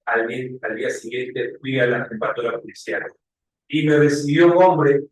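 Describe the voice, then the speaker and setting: A man's voice: mid-range voice, fairly even intonation, moderate pace. A man teaching literature, telling a story in the first person and acting out the scene. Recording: echoey room.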